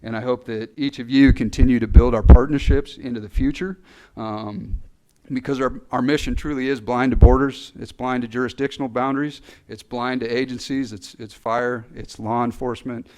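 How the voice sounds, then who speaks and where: A man speaking at a fire recruit graduation ceremony, earnest and a little halting, with fillers. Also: mid-range voice, steady tone, darkish tone, poor audio. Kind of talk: ceremony speech. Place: ceremony hall. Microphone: podium mic.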